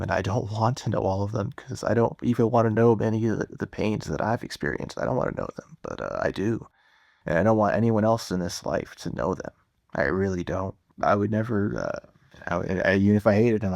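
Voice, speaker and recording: A man's voice: fairly low pitch, creaky, a little mellow, dry recording, studio quality. A young man in a casual confessional vlog monologue, rambling and self-deprecating, full of fillers. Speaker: vlogger.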